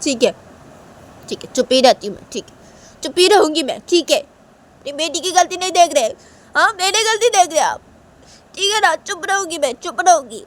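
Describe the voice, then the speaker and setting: A woman's voice: very high voice, animated, fast talker, hardly any pauses, voice pushed up. A woman voicing a sulky young woman in a love story, whiny and indignant, repeating herself. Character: sulky young woman lover, quick to complain.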